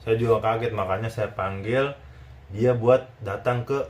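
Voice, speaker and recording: A man's voice: fairly low pitch, steady tone, normal speed. A man hosting a casual chat interview, talking in a teasing, chatty way and often seeking agreement. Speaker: YouTube channel host.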